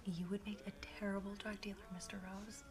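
An actress playing an earnest rambling waitress. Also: female voice, medium pitch, a little fast, a bit bright, lightly acted. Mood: confiding. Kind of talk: sitcom acting.

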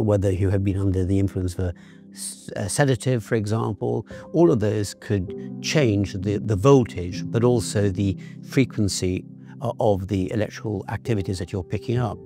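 Man explaining brain science over music. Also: fairly low pitch. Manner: measured, technical, with frequent restarts. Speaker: physician explaining a brain test. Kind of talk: explanatory interview. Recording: music playing underneath.

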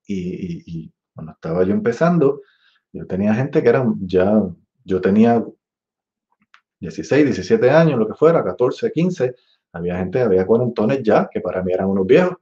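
A man's voice: lowish voice, animated, moderate pace, warm tone, highs cut off. A man in his fifties giving a music master class, chatty and digressive, scat-singing rhythm syllables to show phrasing. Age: 50s.

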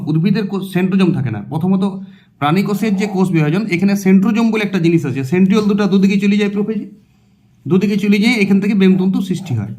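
A man's voice: high voice, a little mellow. A man with a West Bengal Bengali accent teaching a biology exam-prep lesson, asking questions and answering them himself and repeating terms as he writes them out. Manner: explains by asking and answering his own questions; repeats terms while writing on a board.

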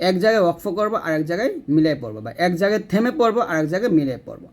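A man's voice: high voice, sing-song, very fast. A man teaching Quran reading in a spoken lesson, patiently explaining and repeating words. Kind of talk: casual spoken lesson with slow recitation examples.

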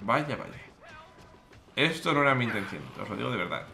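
A man with a Spain Spanish accent doing let's play commentary as a gaming YouTuber, excitable and exclamatory, often repeating his words. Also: mid-range voice, moderate pace, creaky, faint music behind.

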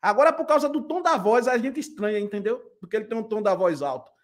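A man's voice: high voice, fast talker. A man hosting a live stream and commenting casually, repeating himself and ending lines with little tags asking for agreement. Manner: chatty, repetitive, ends lines with "né?" and "viu?". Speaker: pastor and channel host commenting.

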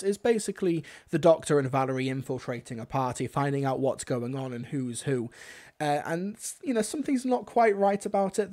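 A man's voice: mid-range voice, darkish tone. A young man hosting a livestream, giving casual review commentary into a close desk microphone at home. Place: small indoor room at home. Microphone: desk microphone close in front.

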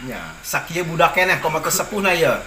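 A pious older uncle who lectures and gives blessings, as a man puts him on for a puppet comedy. The voice is bright and a touch high. The room sounds echoey, with a faint hum of ambience. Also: fairly quick, creaky. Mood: lecturing. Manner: moralizing, gives blessings and advice. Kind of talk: Sundanese puppet-show comedy.

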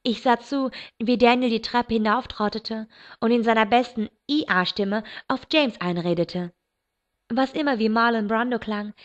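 Woman audiobook reader, expressive first-person narration, dull lo-fi recording. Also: a little high. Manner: steady, expressive storytelling.

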